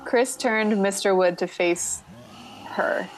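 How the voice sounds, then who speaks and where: Slow-reading woman podcast host, giggly. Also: medium pitch, a little hiss or hum. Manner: giggly, stumbles and restarts while reading. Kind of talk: reading a book aloud with banter.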